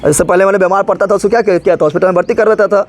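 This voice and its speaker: Faint music plays behind this male teacher's rapid-fire history lesson, his voice high and steady in tone. Joking and colloquial, he drifts into regional dialect, throws out rhetorical questions, and hammers key terms through repetition.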